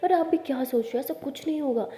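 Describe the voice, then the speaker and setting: A woman voicing a lively, protective young female college student who teases and insists, in an echoey room. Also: sits high, quick pace, close to an everyday voice. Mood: teasing. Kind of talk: storytelling dialogue. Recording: echoey room with long reverb.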